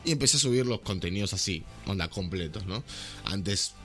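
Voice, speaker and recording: A man's voice: deep voice, animated, fairly quick, fairly bright tone, faint music behind. A young man with a Rioplatense Spanish accent, ranting animatedly in a casual podcast chat, full of slang. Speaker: podcast host.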